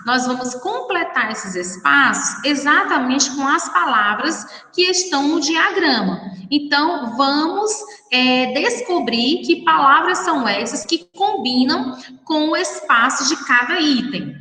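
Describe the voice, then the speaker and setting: A woman schoolteacher with a Brazilian Portuguese accent, giving a lesson to young children and slowly spelling out words syllable by syllable in a patient, affectionate way. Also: high-pitched, expressive, pushed and bright, roomy sound, long reverb tail, far from the mic, poor audio. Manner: slow, drawn-out syllable-by-syllable dictation to children; affectionate, patient, addresses pupils as children and darlings. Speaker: primary school teacher. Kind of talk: recorded remote class lesson.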